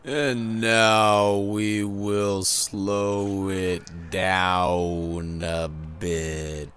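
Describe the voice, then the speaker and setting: Brief: male game commentator, audio slowed down in the edit, lower voice, faint background hiss. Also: level tone. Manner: joking, chatty, talks straight to viewers. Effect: audio slowed way down in editing, dragged and stretched. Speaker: gameplay commentator. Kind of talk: casual game walkthrough commentary.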